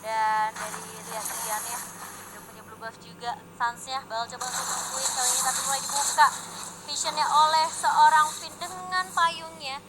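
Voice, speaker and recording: A woman's voice: sits high, fairly even intonation, moderate pace, poor audio. A woman giving esports match commentary and analysis as a caster. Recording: loud music and game sound behind.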